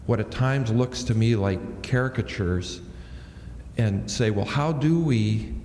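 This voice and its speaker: A senior minister with a medium-pitched, darkish voice speaks slowly and reflectively on a panel, thinking aloud and restarting his sentences. He uses a handheld microphone in an echoey hall with faint noise.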